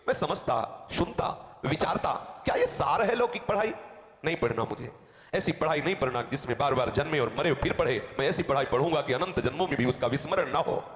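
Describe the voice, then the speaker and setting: A man as a spiritual teacher delivers a devotional discourse with a fairly high voice. He tells a sage's story in the first person and weaves in quoted verses. The room is echoey, with a long reverb tail. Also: fairly bright tone. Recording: roomy hall with long reverb.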